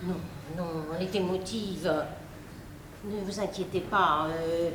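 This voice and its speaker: A woman's voice: on the low side, fairly even intonation, measured pace, recorded from a distance, a crowd in the background, natural voice. A woman acting a scheming female thief who poses as a traveller and stumbles through her excuses in an amateur stage play. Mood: hesitant. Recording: echoey stage hall picked up from afar, with noise.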